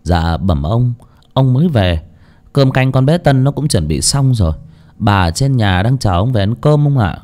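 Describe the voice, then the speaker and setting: A man's voice: medium pitch, lively intonation, unhurried, a little mellow, lightly acted. A man voicing a humble young male servant who speaks deferentially and politely.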